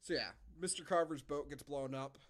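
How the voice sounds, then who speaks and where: Speaking at a moderate pace with a fairly high-pitched voice, a man co-hosts a podcast. He reviews a film in a relaxed way, sarcastic and profane throughout.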